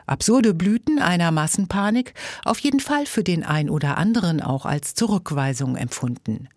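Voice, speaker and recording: Dry studio woman reporter, measured. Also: lowish voice, expressive, darkish tone, dry recording. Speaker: radio reporter. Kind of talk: scripted news feature narration. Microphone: studio microphone.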